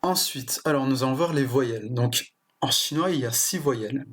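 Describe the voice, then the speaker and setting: A man teaching a language lesson in a plain explanatory way, often pausing with fillers and restarting his sentences. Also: medium pitch, fairly bright tone, a little hiss or hum. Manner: hesitant, with frequent fillers and restarts.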